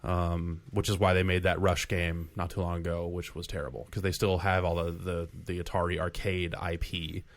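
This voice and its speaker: A man's voice: low-pitched, little pitch movement, moderate pace, hardly any pauses. A man co-hosting a video game podcast in casual, rambling chat, often restarting his sentences. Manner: rambling, self-interrupting, laughs often. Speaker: podcast co-host.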